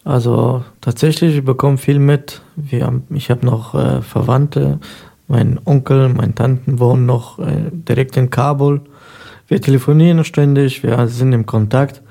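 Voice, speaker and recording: A man's voice: medium pitch, steady tone, measured pace, creaky, dark tone. A man in his thirties from Afghanistan, a guest on a local radio show, telling his story in a hesitant way with many fillers. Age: 30s. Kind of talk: casual interview talk.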